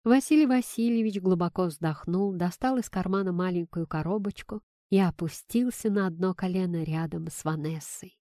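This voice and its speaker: A woman's voice: lowish voice, normal speed, mellow, no room sound. Woman narrating a family story, dry sound.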